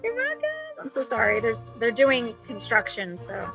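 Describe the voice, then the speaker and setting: Bright-voiced woman coaching on a video call. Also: fairly high pitch, moderate pace, gravelly, dull audio, soft background music. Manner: animated and chatty, with frequent fillers. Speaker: acting coach hosting a video-call meet and greet. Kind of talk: casual advice chat. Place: home, with construction noise outside.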